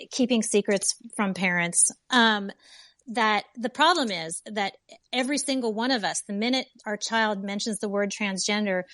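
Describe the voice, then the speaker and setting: A woman's voice: mid-range voice, a bit bright, no echo. A woman and mother on a discussion panel, speaking in a heartfelt, insistent way. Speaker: parent panelist.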